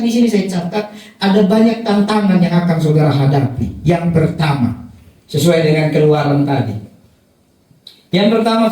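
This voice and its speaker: A man's voice: sits high, a little mellow. A male pastor gives a sermon with humorous, self-mocking stories. The voice sits back from the microphone, and a long church-hall echo surrounds every word. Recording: echoey church hall from far off.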